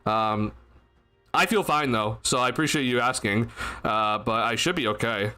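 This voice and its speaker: Soft background music plays as a young sports livestream host speaks into his desk mic at a moderate pace, his mid-range voice bright, forceful, clear, and resonant. He sounds tired and a bit stuffy, rambling through a casual postgame stream with many fillers and restarts.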